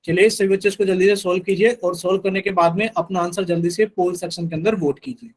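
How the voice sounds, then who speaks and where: A man's voice: high-pitched, steady tone, fast talker, poor audio. A man teaching a live online math class, patiently repeating instructions to his students.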